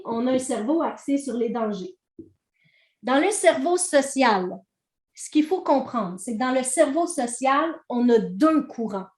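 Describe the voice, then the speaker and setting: A woman trainer with a Québécois accent explains ideas to a group in a relaxed, conversational way. Her voice sits a little high, and she keeps checking in with the listeners. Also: roomy sound. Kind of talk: teaching a training session.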